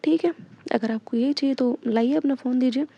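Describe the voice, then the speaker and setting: Bossy short-fused young woman, a lady voicing her, blunt and teasing, high gravelly voice, muffled audio. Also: a little fast, mellow, no echo. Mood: teasing, defensive. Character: bossy, hot-tempered young woman, soft with her love. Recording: dull lo-fi recording.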